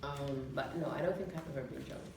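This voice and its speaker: A young woman talks casually to camera as a vlogger. Her voice is low in pitch. She sounds away from the mic, in a room with heavy echo. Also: a little fast. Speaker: vlog host. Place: echoey room. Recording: echoey room, distant mic, clear noise.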